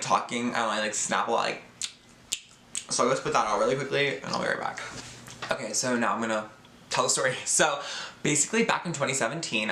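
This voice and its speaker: A man's voice: medium pitch, pushed and bright, echoey room. A young man telling a personal story in a casual vlog, chatty and joking, with lots of fillers. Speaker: YouTuber.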